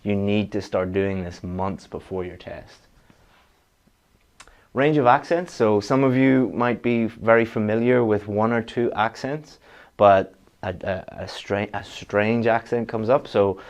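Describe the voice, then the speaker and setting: A man with a fairly low voice coaches students through an exam-prep lesson. He talks straight to them, frank and practical, and moves from point to point like a teacher who wants the work done. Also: unhurried, highs cut off. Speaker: IELTS teacher.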